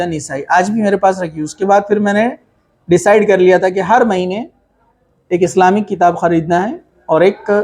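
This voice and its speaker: Man, high voice, conversational religious talk, rhetorical questions. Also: a little mellow. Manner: conversational, mixes English words, rhetorical questions. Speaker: Islamic speaker.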